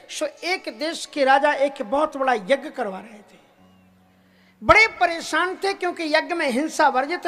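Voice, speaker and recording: High-voiced male preacher telling a sermon. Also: sharp tone. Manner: storytelling that breaks into slow chanted verses. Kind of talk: devotional katha sermon.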